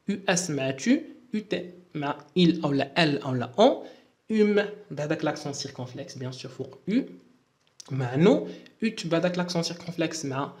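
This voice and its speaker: Moroccan guy teaching french grammar super fast, spells out the endings, voice a bit high. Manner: spells out endings letter by letter, mixes in French terms. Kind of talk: explaining a French grammar lesson in Moroccan Darija.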